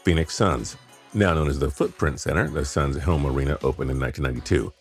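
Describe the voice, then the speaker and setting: Very deep-voiced man narrating wryly. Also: fast, faint music behind. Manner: opinionated, wry asides. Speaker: sports video narrator. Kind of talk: scripted countdown narration.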